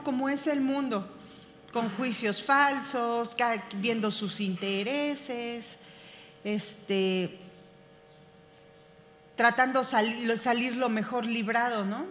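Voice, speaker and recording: A woman, reading scripture and then explaining it slowly, with many fillers and restarts. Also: on the high side, big-room sound, a little hiss or hum. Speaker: Bible class teacher. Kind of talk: Bible reading and class commentary.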